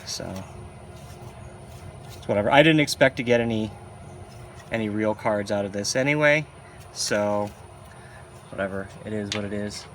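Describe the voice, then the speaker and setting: A man's voice: lowish voice, moderate pace, pauses often, fairly bright tone, slight background noise. A man giving casual, unscripted hands-on commentary as a hobbyist, offhand and often muttering to himself while he handles equipment. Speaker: hobbyist arcade machine video maker.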